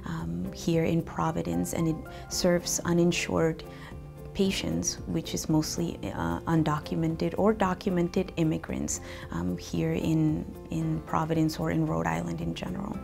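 A woman's voice: low-pitched, unhurried, vocal fry. A young woman from Peru, a medical student, speaking earnestly in a studio interview. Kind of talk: interview testimonial. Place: studio with gray backdrop. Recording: soft background music.

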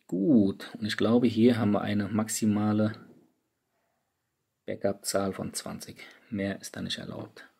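A man with a low, gravelly voice and a slightly husky edge talks viewers through phone settings. He keeps it casual and chatty, speaking directly to his audience. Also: a little slow, warm tone. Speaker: tech YouTuber. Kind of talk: screen-recorded app tutorial. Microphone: studio microphone.

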